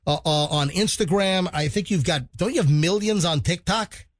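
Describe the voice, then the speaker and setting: Male morning radio DJ, middle-aged. Fairly high register, emphatic conversational interviewing, very dry studio recording. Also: normal speed, dry recording. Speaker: morning radio show host.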